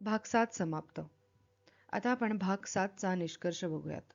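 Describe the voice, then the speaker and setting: A woman reading a novel aloud with expressive, dramatic delivery, then explaining it as a literature teacher. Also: medium pitch, normal speed, dull audio, soft background music.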